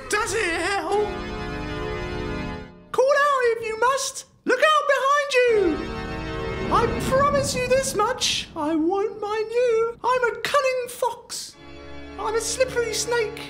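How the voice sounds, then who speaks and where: A woman's voice: very high-pitched, slow, music in the background. A woman playing a scheming, boastful pantomime villain king who heckles the audience and sings threats. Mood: sly menacing. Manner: taunting, heckles the audience, sing-song threats.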